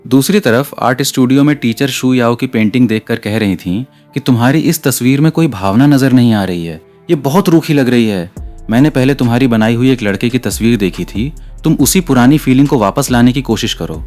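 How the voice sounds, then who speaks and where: A man's voice: medium pitch, brisk, darkish tone, faint music behind. A man narrating a romantic comic recap in the first person, telling the story steadily and reading the quoted lines with only a light touch.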